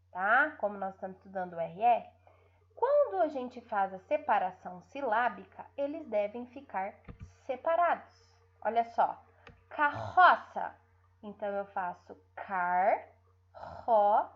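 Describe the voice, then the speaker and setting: A woman's voice: a little high, muffled recording. A woman teacher with a Brazilian Portuguese accent giving an online lesson to young pupils, stretching out syllables and often checking in with her listeners. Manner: drawn-out syllables, frequent checking tags.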